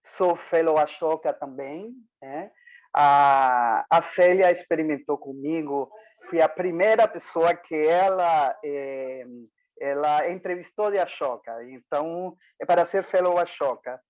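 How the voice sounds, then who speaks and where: Speaking as a guest on an online panel over a video call, a woman from Mexico and Nicaragua talks with a Spanish accent. Her voice is low-pitched and her pace measured, and she tells stories warmly, using lots of fillers.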